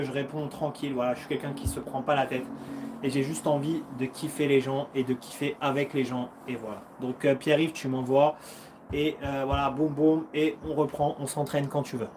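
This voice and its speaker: With a fairly high, darkish voice and slight hiss or hum in the audio, a man in his thirties runs a relaxed live Q&A from his home. A karate fighter and coach, he's cheerful and encouraging, slangy, and mimics punches and footwork with small sound effects.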